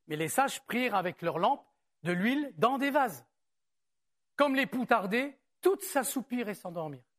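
A man preaching a sermon to his congregation. He talks in a conversational way, asks rhetorical questions and reads scripture aloud more slowly. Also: extremely high pitch, animated, fairly bright tone. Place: church service.

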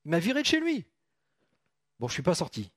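A man with a slightly high voice gives a loose, chatty sermon, reading verses and repeating his points as he goes. The sound is close and dry, with little room echo. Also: huge pitch swings, a little fast. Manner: chatty, jokes with the congregation, repeats phrases. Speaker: pastor. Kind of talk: informal sermon with Bible reading.

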